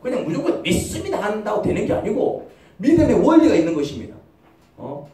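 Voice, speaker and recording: A man's voice: high-pitched, huge pitch swings, fairly quick, dark tone. A man preaching a sermon as pastor, firing off rhetorical questions and acting out short quoted voices. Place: church sanctuary. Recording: echoey church hall, voice from far off the mic.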